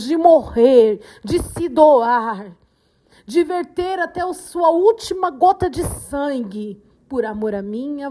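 A woman hosting a devotional podcast, preaching in a slow, fervent way with emphatic repetition. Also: on the high side, darkish tone. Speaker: podcast host, devotional speaker. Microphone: podcast microphone.

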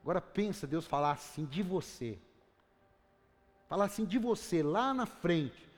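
A man with a Brazilian Portuguese accent preaching a fervent sermon, swinging from hushed tones to shouting and repeatedly calling out questions to the congregation. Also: high voice, animated, measured pace. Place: church hall. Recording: reverberant hall with faint music.

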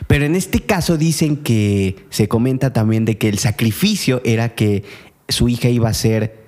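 A man's voice: mid-range voice, moderate pace, a little mellow. Man retelling a story casually. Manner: storytelling, acting out quotes, hesitant restarts. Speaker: podcast co-host retelling Bible stories. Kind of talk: casual chat.

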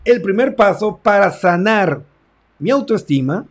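A man's voice: high voice, expressive, unhurried. A man who works as a therapist, giving a reflective talk on self-esteem and acting out conversations with his clients. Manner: reflective, acts out client dialogues.

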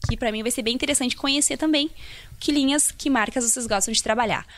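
Lady hairdresser walking viewers through toners, fairly high voice, dry close sound. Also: quick pace, no echo. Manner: explanatory, tutorial-like, addresses viewers. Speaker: hairdresser and salon colorist. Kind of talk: live Q&A on hair color.

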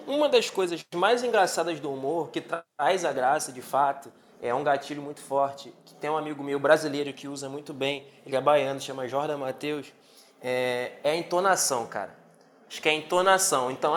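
Um homem com sotaque brasileiro, convidado falando de forma animada e cheia de gíria numa conversa online. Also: male voice, a little high, brisk. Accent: Brazilian. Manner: slangy, animated, emphatic. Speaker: TV show guest. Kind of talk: casual chat in an online audio room.

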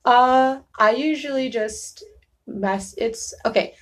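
A woman's voice: fairly high pitch, takes it slowly. A young woman chatting as a podcast guest, emphatic and bubbly, laughing often. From New York state. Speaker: guest, actress. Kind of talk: casual podcast chat.

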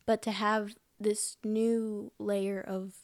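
Lively young woman chatting on a podcast. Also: medium pitch, takes it slowly, dry recording, studio quality. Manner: animated, acts out character lines with laughs. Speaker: podcast co-host. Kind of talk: casual review chat.

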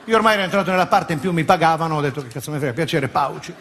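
Male stand-up comic, high-pitched and animated, live hall with noisy ambience. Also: very fast. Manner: animated, jumps into shouted impressions of regional characters. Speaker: stand-up comedian. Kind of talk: stand-up comedy routine. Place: large theatre stage before a laughing audience. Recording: live theatre recording, long hall reverb, audible ambience. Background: audience laughter.

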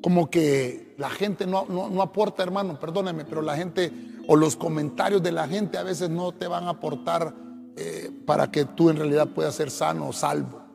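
A man's voice: a little high, fairly even intonation, normal speed, vocal fry, a little mellow, big-room sound, faint music behind. A man, a pastor from Honduras, preaching a sermon, swelling and dropping his voice and calling his listeners brother.

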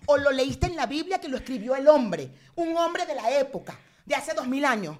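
A woman's voice: sits high, very animated, moderate pace. A woman co-hosting a podcast, arguing bluntly, swearing freely and talking over others. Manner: gets loud and shouts when worked up. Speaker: podcast co-host. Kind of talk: heated casual debate.

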